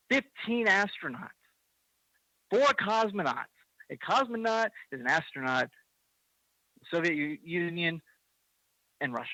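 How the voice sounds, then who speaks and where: A man's voice: a little high, sharp tone, dry recording, low-quality recording. A young man hosting a podcast, ranting heatedly with swearing and emphatic bursts. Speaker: podcast host. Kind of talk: impassioned podcast rant.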